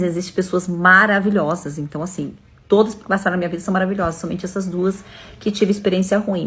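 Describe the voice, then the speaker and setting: Uma mulher brasileira de meia-idade conta uma história pessoal para a câmera, falando depressa e chamando os seguidores de "gente". A voz é um pouco grave, e ela conversa de forma descontraída e próxima. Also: female voice, fairly low pitch. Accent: Brazilian Portuguese. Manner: chatty, addresses viewers directly. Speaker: storyteller vlogger. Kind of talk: casual storytelling to camera.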